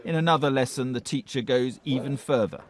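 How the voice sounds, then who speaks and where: A man's voice: mid-range voice, a little fast, a little hiss or hum. A man reading a scripted documentary narration. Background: music.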